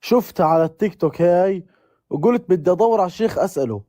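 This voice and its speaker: A man's voice: high-pitched, animated, racing, dark tone, no room sound, studio quality. A man calling into a live debate, insisting on finishing his question.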